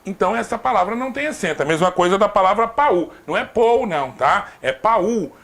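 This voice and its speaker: A Brazilian man with a fairly high, very animated voice teaches a grammar class. He keeps checking in with short tag questions and slips in playful asides. His delivery swings up and down as he stresses each example. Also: fast talker. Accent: Brazilian Portuguese. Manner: lively, repeats "tá?" to check understanding, jokes aside. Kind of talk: recorded exam-prep grammar lesson.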